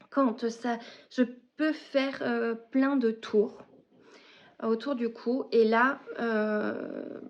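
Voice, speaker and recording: Slow, hesitant woman podcaster. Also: a little high, a little mellow, highs cut off. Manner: hesitant, often searching for words. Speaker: knitting and reading podcast host. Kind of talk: casual podcast chat about knitting and books.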